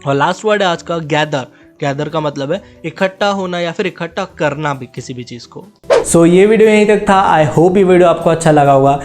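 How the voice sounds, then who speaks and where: A young man teaching English words with Hindi explanations, reading each example slowly twice before explaining it. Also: on the high side, darkish tone.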